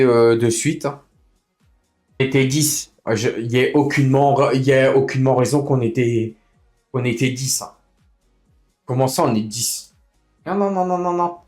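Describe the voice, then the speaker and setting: A man's voice: medium pitch, flat delivery, a little slow, long pauses, darkish tone, soft background music. A man chatting casually on a live gaming stream, complaining in slangy, informal speech and repeating himself as he goes. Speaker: livestreamer running an online racing league. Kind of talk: casual live stream chat with other players.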